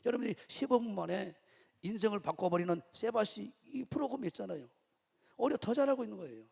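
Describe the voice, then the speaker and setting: Animated pastor preaching, gravelly voice. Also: male voice, high-pitched, quick pace, in a large hall. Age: middle-aged. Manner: animated storytelling with rhetorical questions to the congregation. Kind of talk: sermon. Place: church sanctuary.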